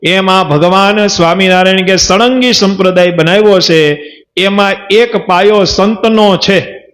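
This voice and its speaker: High-voiced Kathiawadi man preaching. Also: measured pace, fairly bright tone. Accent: Kathiawadi Gujarati. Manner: quizzes the audience with repeated rhetorical questions. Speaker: lay preacher. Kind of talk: storytelling sermon. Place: temple assembly hall.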